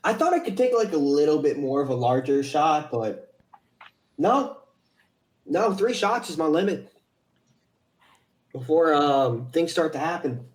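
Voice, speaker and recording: In a roomy, echoey home recording, a man with a somewhat high, very animated voice makes casual pre-livestream chatter. He rambles and mocks himself like an amateur voice actor, keeping a measured pace with frequent pauses.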